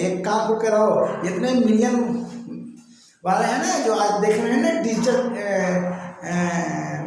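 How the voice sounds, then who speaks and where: A man teaching English grammar in Hindi at a board, talking loudly and emphatically, with sharp scolding asides. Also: sits high, slight background noise. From North India. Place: classroom with a board. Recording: echoey room, far from the mic, faint ambience.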